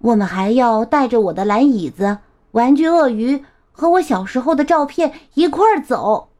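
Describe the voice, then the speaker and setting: A woman puts on a small jealous boy from a children's storybook, his high voice whiny and pouting, leaping up and down in pitch. He sulks and then bursts out loud. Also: lively intonation, moderate pace, lightly acted. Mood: excited. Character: little boy, jealous of new baby sister.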